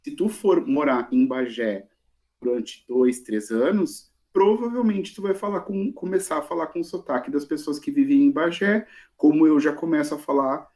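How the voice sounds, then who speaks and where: A man with a Gaúcho accent, a guest speaker in an online talk with students. He is lively and chatty, often ending remarks with a question. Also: on the high side, moderate pace. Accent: Gaúcho Portuguese. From southern Brazil. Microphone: video call.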